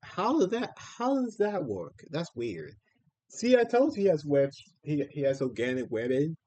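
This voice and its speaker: A man's voice: on the high side, sing-song, normal speed, warm tone. A man streamer giving casual live reaction commentary on trailers, repeating himself and exclaiming in mild slang.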